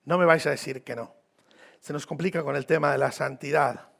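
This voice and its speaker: Mexican pastor guy preaching in a church, kinda high voice, jokey, says stuff twice. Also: fairly quick, gravelly, fairly bright tone. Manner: informal, joking, repeats phrases for emphasis. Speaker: visiting pastor. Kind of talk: sermon. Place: church hall.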